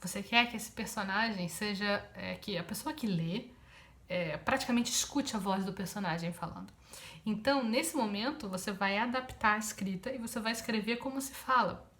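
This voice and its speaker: A woman from Rio de Janeiro with a Carioca Brazilian Portuguese accent, explaining a language point in a casual lesson, pausing often with fillers. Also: mid-range voice, fairly bright tone. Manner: hesitant, many filler pauses. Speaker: Japanese teacher.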